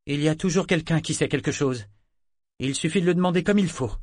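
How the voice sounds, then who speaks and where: A man voicing a fierce woman pirate who speaks coldly and gives sharp orders, in a dry studio reading. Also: fairly high pitch, fairly quick, no echo, voice pushed up, close to an everyday voice. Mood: coldly menacing. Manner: cold, sharp, commanding.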